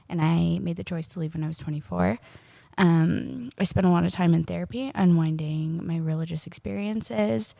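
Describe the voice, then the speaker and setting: This podcast co-host, a woman in her thirties, speaks with a fairly low, creaky, warm voice still roughened by a recent cold. She chats casually, laughing often and saying um a lot. The sound is clean studio audio with no echo.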